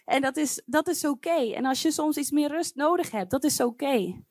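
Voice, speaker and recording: A woman's voice: high-pitched, moderate pace, darkish tone, no echo, studio quality. A woman preaching a sermon to her congregation, earnest and pleading, speaking directly to her listeners.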